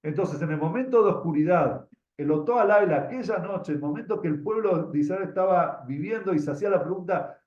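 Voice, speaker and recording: A man's voice: sits high, lively intonation, fairly quick, few pauses, darkish tone. A man with an Argentine accent tells a religious story to a group as a teacher. He often stops to repeat words while he searches for the next one, and he asks his listeners questions. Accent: Argentine Spanish. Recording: echoey room, dull lo-fi sound.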